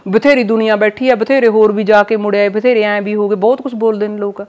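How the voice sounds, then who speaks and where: A woman's voice: medium pitch, level tone, fast talker, darkish tone. A middle-aged woman from Punjab in India, a mother speaking in an interview and giving blunt, earnest warnings. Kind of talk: casual interview talk.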